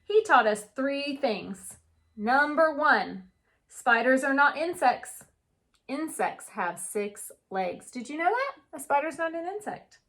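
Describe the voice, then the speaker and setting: A woman teacher with a high, slightly bright voice reads a picture book slowly and with great animation, chatting between passages and posing questions to the children before answering them herself. The setting is a cozy reading corner indoors at home.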